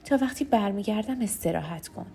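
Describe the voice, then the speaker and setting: A woman voicing a controlling man who speaks softly and calmly with quiet menace. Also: gravelly, a little hiss or hum. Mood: menacing. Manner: soft, quiet, low-key.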